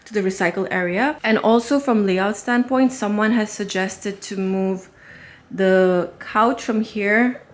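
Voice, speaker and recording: A woman, thinking aloud in a relaxed, chatty way as she vlogs from her apartment. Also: medium pitch, a little slow. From Nepal. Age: 30s. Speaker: vlogger. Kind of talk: casual vlog narration. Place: apartment, indoors. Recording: roomy apartment echo.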